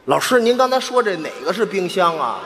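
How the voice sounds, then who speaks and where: A man's voice: high-pitched, big pitch swings, a little fast, a bit bright. A man playing the straight man in stage crosstalk, firing back dry, skeptical retorts. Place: theater stage with a live audience. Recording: reverberant hall, faint noise.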